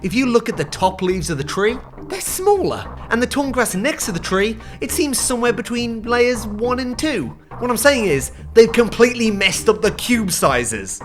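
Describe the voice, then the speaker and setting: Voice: mid-range voice, animated, moderate pace, hardly any pauses. A video essayist delivering a scripted, unhinged rant in an exasperated, sarcastic way. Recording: music playing behind. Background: background music.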